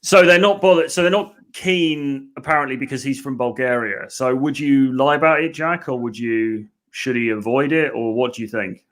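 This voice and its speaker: A man's voice: medium pitch, normal speed, hardly any pauses. A man, hosting a casual podcast and talking through a listener's question with many hedges. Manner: chatty, hedging, answers listener questions. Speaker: dating coach host.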